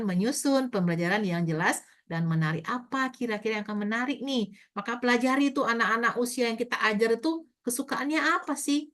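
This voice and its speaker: Lively woman lecturer with a high voice. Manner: lively, acts out child and teacher dialogue in a higher voice. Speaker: university lecturer. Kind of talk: classroom lecture. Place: university classroom.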